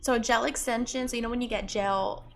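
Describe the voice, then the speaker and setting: A young woman co-hosting a casual podcast, explaining things in a relaxed, hedging way. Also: on the high side, a little fast, creaky. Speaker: podcast co-host. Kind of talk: casual chat.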